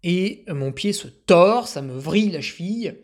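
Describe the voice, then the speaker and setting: Race announcer, casual storytelling, animated, rambling, self-deprecating. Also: mid-range voice, measured pace, slight background noise. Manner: chatty, rambling, animated with self-mocking asides.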